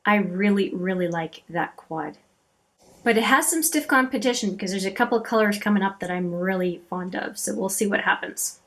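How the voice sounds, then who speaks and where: A woman hosting a beauty channel, talking casually as she swatches eyeshadows, chatty and admiring, often trailing off into quiet asides. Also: medium pitch, fairly quick.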